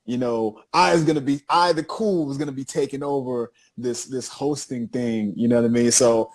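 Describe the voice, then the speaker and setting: A man co-hosting a casual podcast, animated and hyping up his guest while repeating phrases. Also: mid-range voice, normal speed. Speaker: co-host introducing the show.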